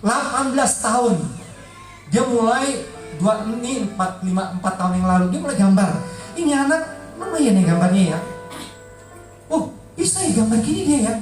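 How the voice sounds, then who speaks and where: A middle-aged man delivers an emotional church testimony, pressing hard on repeated words. He sounds a little distant from the microphone in a large, reverberant hall, with soft music faintly underneath. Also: very high voice, expressive, moderate pace. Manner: heartfelt, emphatic, repeats words for stress. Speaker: church speaker giving a testimony.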